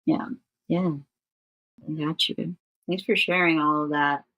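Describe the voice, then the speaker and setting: A woman with a notably low-pitched voice hosts a podcast interview. She talks casually and in a relaxed way, affirming her guest and nudging the talk forward with easy questions. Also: a little slow. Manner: warmly affirming, relaxed, conversational. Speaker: podcast host.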